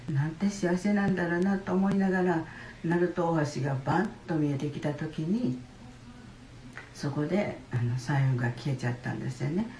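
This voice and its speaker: Older woman, halting testimony, low pitch, roomy church hall, faint hiss. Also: darkish tone. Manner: halting, with many pauses and fillers. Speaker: church member giving testimony. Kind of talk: personal testimony.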